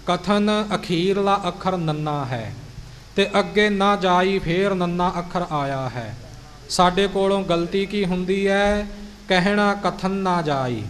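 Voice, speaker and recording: Man, scripture pronunciation teacher, deliberate syllable-by-syllable speech, high voice, faint background noise. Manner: slow, deliberate, repeats words syllable by syllable. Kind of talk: instructional explanation. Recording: reverberant hall, faint noise.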